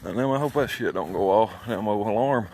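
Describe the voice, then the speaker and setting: Outdoors near his home, a CB radio hobbyist with a Southern Alabama accent films his own video, rambling in a boastful, folksy, foul-mouthed way. His voice is on the low side, fast and a little mellow, with some hiss or hum in the recording.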